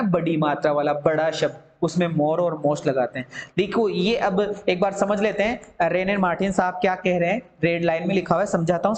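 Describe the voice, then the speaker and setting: A man's voice: high-pitched, roomy sound. A man teaching an English grammar lesson, drilling word forms in lists and asking and answering his own questions.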